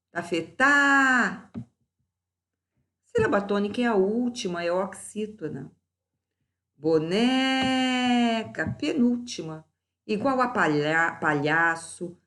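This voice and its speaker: Her voice sits on the low side with a fairly bright tone. In a recorded class, this teacher slowly and deliberately works through grammar exercise answers, stretching out every example word.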